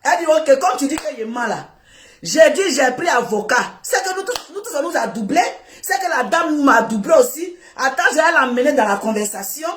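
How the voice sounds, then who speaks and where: A high-pitched woman delivers a heated rant straight at a man, scolding, repeating herself and bursting into shouts. Her voice rings around an echoey room. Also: expressive, normal speed, slight background noise. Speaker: online commentator.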